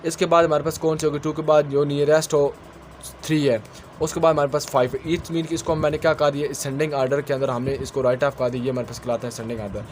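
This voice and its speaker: Male tutor rushing through exam revision, fairly high voice, his own question and answer at each step, faint traffic behind. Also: level tone, a little mellow. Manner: mixes technical English terms into his speech. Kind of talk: quick exam-revision lecture.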